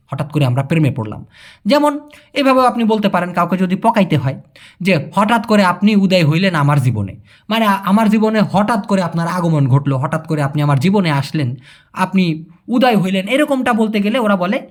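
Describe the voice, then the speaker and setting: A young man from Bangladesh teaching Malay in a casual way, answering viewer questions, chatty and repeating key words slowly. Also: high voice. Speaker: language teacher.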